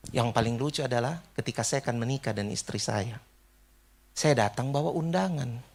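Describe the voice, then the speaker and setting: Male pastor, gravelly voice, animated storyteller who voices the people in his anecdotes. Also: mid-range voice, moderate pace. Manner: animated storyteller, acts out quoted people, laughs while telling. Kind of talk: sermon with storytelling and prayer.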